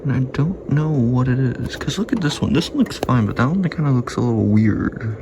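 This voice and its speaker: A hobbyist radio repairer films himself working, muttering and musing aloud in casual, sweary commentary on a noisy home video. His medium-pitched voice is animated and brisk.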